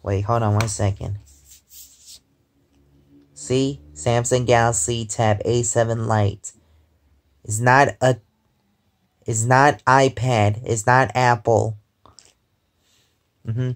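Speaking slowly with long pauses, a man of twenty-five in his twenties vlogs from bed at home, holding his phone close above his face. His mid-range voice keeps fairly even intonation as he chats casually and rambles, often falling back on "because, um."

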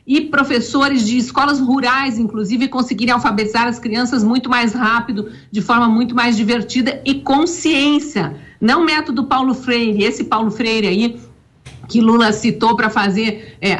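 A woman's voice: fairly high pitch, a bit bright. Emphatic woman commentator on video call. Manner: emphatic, combative, sarcastic asides. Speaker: political commentator. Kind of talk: opinionated news commentary. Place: home study with bookshelves.

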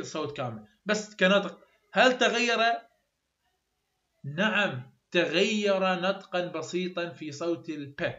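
A man's voice: high voice, sharp tone. A man with an Iraqi Arabic accent giving an explanatory lecture as a university tutor, repeating example sounds over and over. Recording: roomy, dull lo-fi sound.

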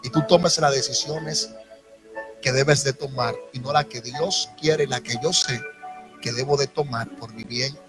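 This pastor's voice is mid-range and steady, and he keeps a measured pace as he preaches to a congregation in a church sanctuary. A man in his thirties from the Dominican Republic with a Dominican Spanish accent, he speaks into a handheld microphone, raising his emphasis and making asides, with soft instrumental music underneath.

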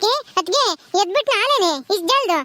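A woman's voice: very high voice, animated, brisk, heavy background noise. A woman playing an ailing, bossy village wife in a comedy skit, with a rural Karnataka Kannada accent and a nagging, scolding manner.

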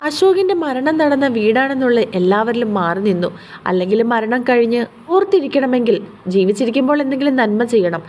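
Warm Malayali woman narrating a story. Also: a little high, a little fast, a little hiss or hum. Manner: steady storytelling. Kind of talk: scripted audio story narration.

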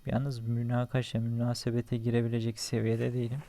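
A man's voice: medium pitch, completely flat delivery, fairly quick, warm tone. A young man giving casual running commentary while playing a survival game, talking to himself, joking and cursing at enemies. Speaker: gaming channel host.

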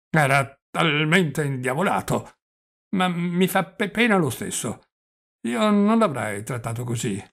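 A man's voice: fairly high pitch, exaggerated voice. A man reading the part of a forgetful, rambling old prince who stammers and drops French phrases, in an audiobook. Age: older.

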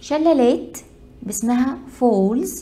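Mellow-voiced Egyptian teacher drilling vocabulary. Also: female voice, sits high, lively intonation. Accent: Egyptian Arabic. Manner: repeats each English word slowly several times. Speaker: English teacher. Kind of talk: vocabulary lesson for beginners.

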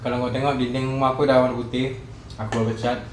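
Male mukbang host with a Malaysian Malay accent, casual chat while chewing, recorded in a roomy space with clear background noise. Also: mid-range voice, fast talker. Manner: relaxed, mixes English words into Malay. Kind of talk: casual eating-show chat. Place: room at home. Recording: echoey room with background noise.

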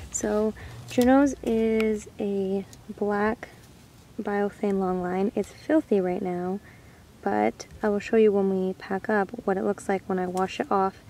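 Gravelly-voiced woman vlogging at camp. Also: medium pitch, slight background noise, rough recording. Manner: relaxed, chatty. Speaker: dog owner vlogger. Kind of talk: casual product walkthrough vlog. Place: outdoor campsite.

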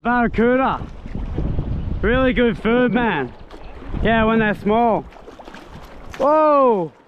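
In this lo-fi clip, a fishing vlogger with a very high voice speaks slowly, narrating his catch with excitement. He is a young man filming from a tropical beach with a head-mounted action camera, exclaiming and laughing often whenever fish bite. Wind noise hits the outdoor camera mic.

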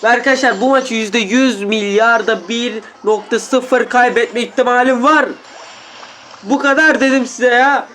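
High-voiced excited male game commentator. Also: measured pace, slight background noise. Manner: animated, exclaiming, keeps addressing viewers as friends. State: sore throat, coughing. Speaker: gaming YouTuber. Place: at home.

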